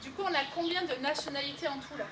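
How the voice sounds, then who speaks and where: A young woman with a high voice hosts a chatty, playful vlog interview outside by a swimming pool. Steady outdoor noise sits behind her. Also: quick pace. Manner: playful, chatty, jokes around. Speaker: host.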